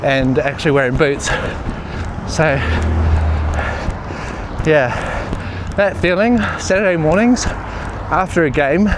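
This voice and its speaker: Male vlogger, New Zealand accent, unhurried casual delivery in short phrases while out running, with clear street noise. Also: fairly high pitch. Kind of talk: casual rambling vlog chat. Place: outdoors on a run through a mountain town. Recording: outdoor street noise, wind and traffic.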